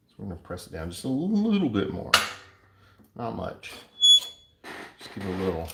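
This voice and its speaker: A man casually narrating his coin ring making as he works, chatty and relaxed, with playful sound words. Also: low voice, normal speed. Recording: echoey room with clear background noise.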